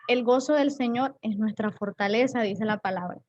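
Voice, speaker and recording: A woman's voice: a little high, moderate pace, a little mellow, dull audio, a little hiss or hum. A woman giving an earnest church testimony, often repeating and restarting her phrases. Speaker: pastor's wife giving testimony.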